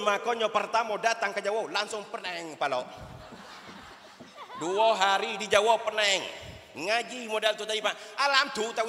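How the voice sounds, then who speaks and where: A man's voice: sits high, pushed and bright. A middle-aged man from Sumatra giving a humorous sermon, telling jokes and stories. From Sumatra (Bangko, Jambi). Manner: joking, storytelling, mixing in Javanese. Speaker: preacher. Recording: echoey hall from a distance.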